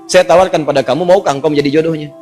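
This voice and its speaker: A man preaching a storytelling sermon in a lively way, voicing the characters and asking the congregation questions. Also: very fast, soft background music. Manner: lively, jumps to high voices for characters, asks the audience questions.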